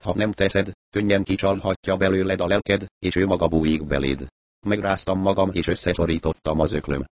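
A man reading a first-person mystery story aloud, in measured storytelling narration. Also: sits low, steady tone, dry recording. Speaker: audiobook narrator.

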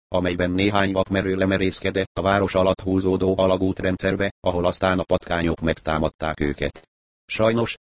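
A man narrating a novel in a steady, even storytelling manner. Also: low voice. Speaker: audiobook narrator. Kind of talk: scripted narration.

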